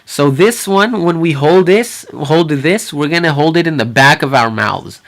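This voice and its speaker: A man teaching a recitation class, patiently explaining and slowly repeating sounds for his students. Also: on the high side, animated, a bit bright. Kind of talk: explanatory lesson.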